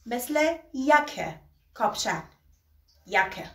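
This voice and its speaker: A woman teaching a beginner alphabet lesson, stretching out each example word slowly between quicker asides. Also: fairly high pitch, sing-song, a bit bright. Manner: slow, drawn-out example words, quick asides. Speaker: German teacher. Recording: roomy echo, distant from mic.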